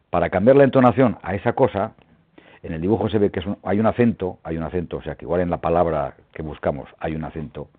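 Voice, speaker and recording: A man with a very low, husky voice chats away loosely, hesitating as he hunts for words. He sounds like a regular radio guest phoning in, and the line is narrow and phone-like. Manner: chatty, rambling, hesitant. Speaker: radio puzzle presenter. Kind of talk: casual radio chat.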